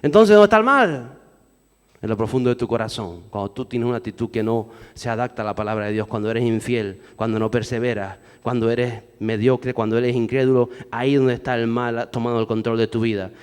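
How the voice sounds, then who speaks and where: A man's voice: mid-range voice, a little fast, smooth, in a large hall. A man preaching a sermon, emphatic and full of rhetorical questions to the congregation.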